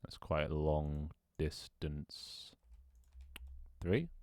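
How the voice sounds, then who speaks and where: A young man streams a game, talking casually with viewers and to himself while he sets up, rambling with lots of restarts and laughter. His voice is a rumbling low, very slow and darkish in tone. There's no room sound.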